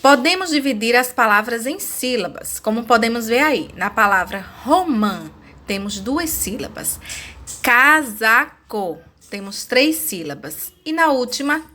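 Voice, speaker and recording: A woman teacher with a Brazilian accent giving a lesson, speaking slowly and spelling words out syllable by syllable. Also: fairly high pitch, very animated, a bit bright. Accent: Brazilian Portuguese. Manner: slow, deliberate, spelling out syllables. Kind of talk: recorded classroom lesson.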